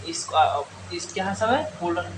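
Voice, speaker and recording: High-voiced man teaching grammar. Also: lively intonation, a little slow, background noise. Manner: repeats questions and answers them himself; many restarts and fillers. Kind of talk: Hindi grammar lesson.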